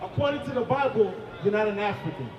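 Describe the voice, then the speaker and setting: Male street preacher, high voice, emphatic with bursts of shouting, distant mic in an echoey space. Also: expressive, fast, dull audio.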